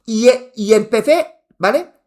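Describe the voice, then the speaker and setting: A male gaming streamer ranting to his chat, heated and almost shouting, repeating himself and swearing, while wearing headphones. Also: extremely high pitch, lively intonation, a little slow. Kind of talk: live stream rant.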